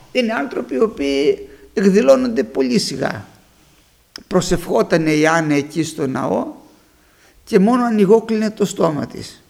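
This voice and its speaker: A man's voice: a little high, creaky. A male preacher addressing his congregation, retelling Bible stories and acting out the voices of the people in them. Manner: animated storytelling, acting out biblical voices. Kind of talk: sermon.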